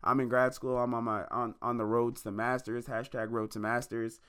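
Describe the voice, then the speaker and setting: An independent musician in his twenties opens his podcast with a preachy motivational monologue, repeating lines for emphasis and calling listeners "y'all" and "baby." His mid-range voice barely moves in pitch and comes across brisk, fairly bright, clear and resonant.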